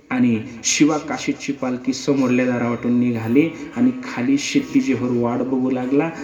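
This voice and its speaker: A man's voice: medium pitch, dark tone. A man telling a dramatic historical story emphatically, with repeated lines and rhetorical questions. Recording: echoey, muffled hall recording.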